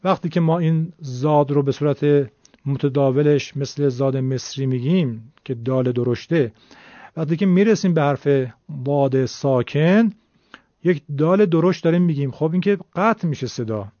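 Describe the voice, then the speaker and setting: A man teaching Quran recitation, explaining how to pronounce a letter and demonstrating it with slow, drawn-out examples. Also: fairly high pitch, warm tone, no echo. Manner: explains slowly, then demonstrates drawn-out Arabic sounds. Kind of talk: tajweed lesson with recited examples. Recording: dull lo-fi recording.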